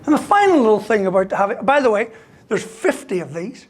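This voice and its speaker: An Irish university lecturer with a high, very animated voice gives a humorous motivational talk at a slightly fast pace. He jokes throughout and closes most points with "right?"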